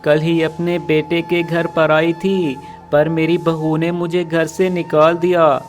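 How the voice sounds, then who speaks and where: A man's voice: a little high, level tone, slow, soft background music. A man voicing a frail old female crow, a mother-in-law who pleads in a plaintive way.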